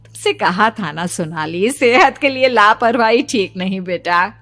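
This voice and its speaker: A woman voicing a worried, caring middle-aged mother who gently scolds her grown daughter. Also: medium pitch, lively intonation, a little slow. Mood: soothing, scolding.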